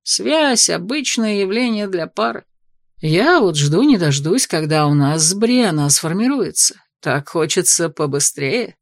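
A woman reading an audiobook voices a cocky male elf healer, speaking low and slowly with a smug tone. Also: animated, creaky, dry recording, studio quality, exaggerated voice. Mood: insistent. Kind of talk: audiobook character voice.

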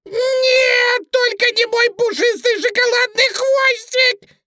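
A woman voicing a tiny male chocolate bunny in a storybook reading, squeaky and wailing as it curses and begs. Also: big pitch swings, a little slow, bright, forceful tone, dry recording, clean studio sound, exaggerated voice. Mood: anguished shrieking. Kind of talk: storybook narration.

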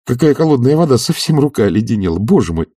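A man's voice: medium pitch, sing-song, quick pace, dark tone, husky, no room sound, clean studio sound, pitched above the performer's own voice. A man reading aloud and voicing a playful, teasing young woman in love.

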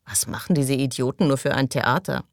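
A woman reading the lines of a coarse, sneering man in an audiobook, scornful and crude, her voice low and the sound dry. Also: brisk, no room sound.

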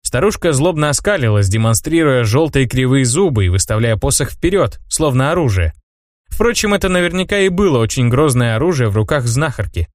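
A man's voice: mid-range voice, big pitch swings, a little fast, dry recording. Male audiobook narrator, dry close sound.

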